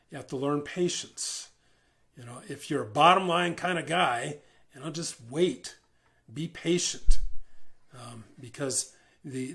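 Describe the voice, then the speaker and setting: A middle-aged man giving an informal talk on listening in marriage, relaxed, repeating words and using many fillers. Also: medium pitch. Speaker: marriage communication teacher.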